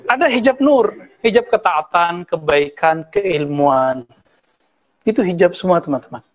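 A man's voice: high voice, expressive, unhurried. A man in his thirties from West Sumatra, an Islamic preacher giving a conversational study lecture with Arabic terms and teasing asides. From West Sumatra, Indonesia. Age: 30s.

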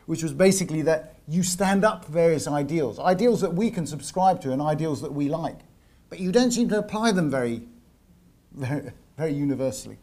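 A man giving an academic seminar lecture at a university, often pausing and repeating words as he searches for the right phrasing. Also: fairly high pitch, animated, a little mellow. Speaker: visiting lecturer.

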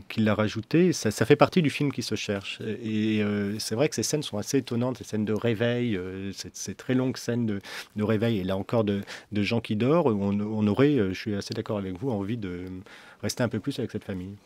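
A man's voice: on the low side, a little fast, a little mellow. A middle-aged man, a film critic, talking fluently and eagerly in a radio studio discussion, with many hesitations. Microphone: studio microphone with headphones.

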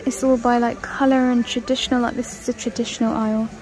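This shopping vlogger records a casual walkthrough of a large indoor retail store on her handheld phone, chatting and listing prices as she goes. Her voice is fairly high, a little mellow, and fast, with little pitch movement. Faint music plays behind her in a low-quality recording.

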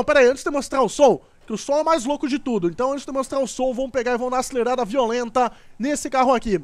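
A man giving excitable, exclamatory gameplay commentary as a gaming video host. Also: extremely high pitch, no room sound. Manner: excitable, exclamatory, repeats "top" and "ó". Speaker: gaming YouTuber.

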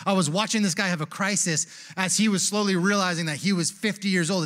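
A man in his forties, a pastor preaching a sermon on a large church stage into a handheld mic, telling a story in a relaxed, conversational way that turns hushed and reflective. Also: sits high. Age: 40s.

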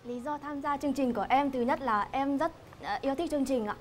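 A young woman with a Northern Vietnamese accent speaks quickly in a fairly high voice. She is a polite game show contestant, recorded with slight studio noise. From Hung Yen, northern Vietnam. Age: young adult. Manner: polite, addressing host deferentially.

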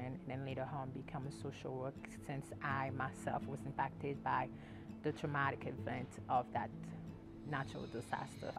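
A young woman from Haiti speaks in a strikingly deep voice, pausing often with fillers. Clear background music runs beneath her. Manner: hesitant, with many fillers. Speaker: graduate student. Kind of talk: interview.

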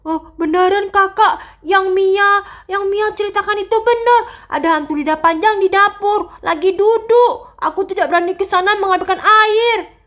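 A young boy, as a woman acts him out, shrieks and stammers in alarm through a voice-acted game role-play. His voice rides high and climbs even higher. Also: moderate pace. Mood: scared. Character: young boy, skeptical then terrified.

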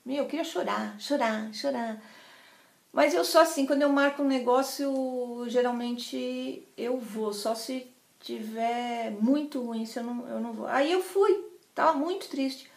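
A woman's voice: sits high, unhurried. A middle-aged woman tells a personal story in a casual, chatty way, acting out what other people said. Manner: animated, chatty, acts out other people's lines. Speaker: vlogger sharing a personal experience. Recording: roomy, echoey room sound.

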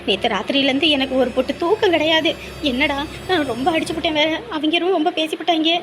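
A woman's voice: sits high, background noise, natural voice. A middle-aged woman playing a bossy mother who scolds and advises her grown son. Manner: bossy, scolding, quick-fire advice.

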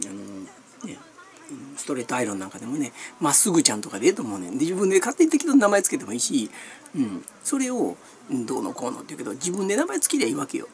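A woman's voice: extremely low pitch, slight background noise. A middle-aged woman with a Kansai Japanese accent chatting casually as a vlogger, rambling from one everyday topic to the next with many fillers and small laughs. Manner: chatty, meandering, refers to herself by nickname, frequent laughs and fillers.

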